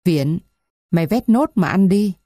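A woman voicing a fiery peasant wife who scolds and wails loudly at her household. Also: fairly low pitch, expressive, unhurried, no room sound, studio quality. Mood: scolding. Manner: scolding, wailing at full voice. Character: fiery peasant wife, shrill when angry.

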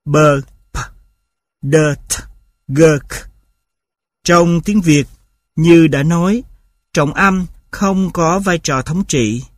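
A man reading a linguistics textbook aloud in a measured, even audiobook style, reciting examples in clipped rhythmic beats. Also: fairly high pitch, dry recording, clean studio sound.

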